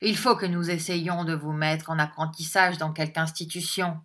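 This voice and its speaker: A woman's voice: low voice, fairly even intonation, normal speed, fairly bright tone. A woman voicing a stern, scornful old miser uncle who talks in a curt, impatient way, in an audiobook reading.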